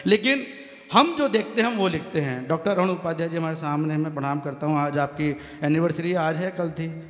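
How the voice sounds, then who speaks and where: A man with a north Indian Hindi accent performing stand-up comic poetry on stage, punchy and building to loud punchlines. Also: a little high, brisk. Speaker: comic poet. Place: large hall stage at a poets' gathering. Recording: echoey hall with long reverb.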